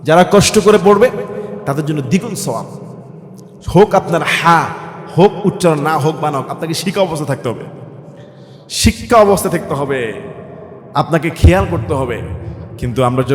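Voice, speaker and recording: A man from Bangladesh with a Bangladeshi Bengali accent preaching a waz sermon, firing rhetorical questions at the crowd and swinging between soft passages and shouts. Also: fairly high pitch, brisk, long pauses. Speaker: Islamic preacher. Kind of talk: waz sermon with Quran recitation. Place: religious gathering (waz mahfil). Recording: roomy hall with long reverb.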